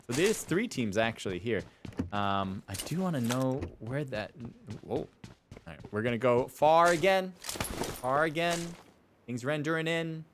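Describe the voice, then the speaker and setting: With music in the background and a little ambient noise, a male esports caster chats his way through a live stream. His mid-range voice is expressive and somewhat bright, moving a bit slowly as he rambles and teases himself.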